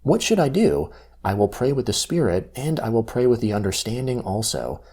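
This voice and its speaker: A man reading scripture aloud from a text in a solemn, measured recitation. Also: medium pitch, big pitch swings, warm tone, husky. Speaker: scripture reader.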